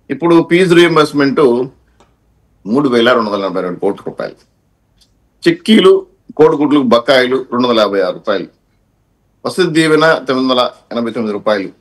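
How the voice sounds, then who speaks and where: A man speaking as a debate panelist, greeting the viewers and then making his case with long lists of figures. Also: mid-range voice. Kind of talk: political debate argument.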